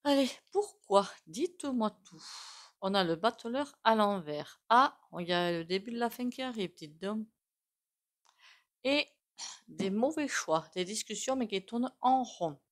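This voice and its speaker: A woman's voice: medium pitch, expressive, a little slow, fairly bright tone. A woman doing a casual tarot reading, chatty and full of asides to her viewers. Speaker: tarot reader.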